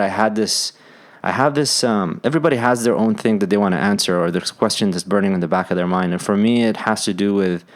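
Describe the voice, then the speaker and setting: A man in his thirties, born in Saudi Arabia and raised there, in Sudan and in Canada, telling his story at length with relaxed fillers as an interview guest over a call. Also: lowish voice. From born in Saudi Arabia, raised there and in Sudan, then Canada. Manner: relaxed, many fillers, long storytelling answers. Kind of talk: casual interview talk. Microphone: phone or online call.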